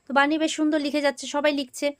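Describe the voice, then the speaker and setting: A woman with a West Bengal accent recaps a TV serial for her channel in a casual, chatty way, slipping into quoted dialogue as she tells the story. Her voice sits high with little pitch movement, and she speaks rapid-fire.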